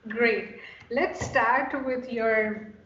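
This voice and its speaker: A woman hosting an interview, welcoming her guest and encouraging him with quick affirmations. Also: fairly high pitch, fairly even intonation, fairly bright tone. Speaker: interview host. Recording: echoey, dull lo-fi, faint hiss.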